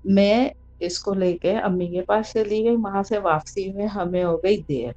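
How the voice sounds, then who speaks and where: A woman's voice: medium pitch, mellow, dull audio. A woman, a mother, recounting a personal experience in a casual, rambling way with frequent fillers. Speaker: mother telling a personal story. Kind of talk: casual spoken account of a true experience.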